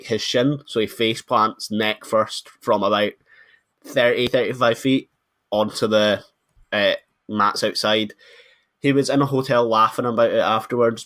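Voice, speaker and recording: Low-pitched British man chatting casually. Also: a bit bright. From United Kingdom. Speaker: wrestling podcast co-host. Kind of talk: casual chat.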